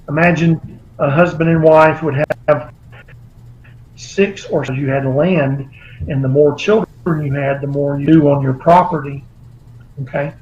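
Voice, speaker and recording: Brief: male author guest, rambling storyteller, slightly high voice, dull lo-fi video-call sound. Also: darkish tone. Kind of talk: remote interview.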